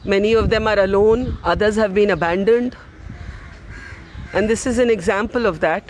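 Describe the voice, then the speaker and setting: A man's voice: high voice, fairly even intonation, slight background noise. A man reporting earnestly from an outdoor railway station and interviewing an elderly woman. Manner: earnest, measured. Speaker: news reporter. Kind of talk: field news report.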